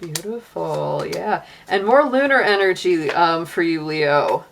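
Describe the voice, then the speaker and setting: A woman's voice: fairly low pitch, expressive, takes it slowly, creaky, a little hiss or hum. A middle-aged woman giving a casual tarot reading, chatty, with frequent laughs and many "you know" and "like" fillers. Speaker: tarot reader.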